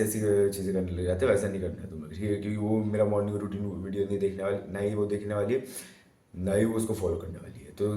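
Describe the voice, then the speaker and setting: A man's voice: lowish voice, mellow. A young man giving casual self-improvement advice on a vlog, rambling and talking straight to the viewer with English words mixed in. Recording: roomy echo.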